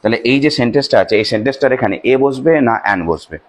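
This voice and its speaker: A man's voice: medium pitch, racing. A man with a Bengali accent explaining English grammar to students, asking questions and answering them himself and repeating key phrases.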